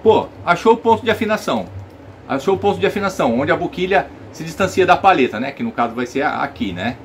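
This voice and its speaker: A man's voice: on the high side, lively intonation, fast talker, slight background noise. A Brazilian man giving a casual saxophone lesson, explaining step by step and checking that viewers follow. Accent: Brazilian Portuguese. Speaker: saxophone teacher.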